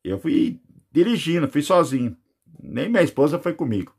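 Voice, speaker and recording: This Brazilian Portuguese-accented man, an adult with children, has a fairly high, sing-song voice that's gravelly, husky and a little mellow, at normal speed. He rambles through his near-death experience testimony with many fillers.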